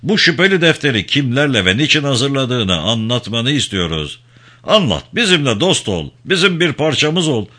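A man's voice: medium pitch, very animated, normal speed, bright, forceful tone, voice pushed up. A man voicing a cunning male intelligence interrogator who coaxes and threatens in a raised, persuasive voice in a story reading. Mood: pressing. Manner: smooth persuasive pressure, raised voice.

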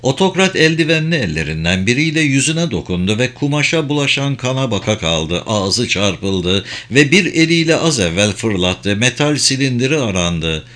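A man reading a story aloud as an audiobook, in measured, dramatic scripted narration. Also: lowish voice, big pitch swings, fairly bright tone.

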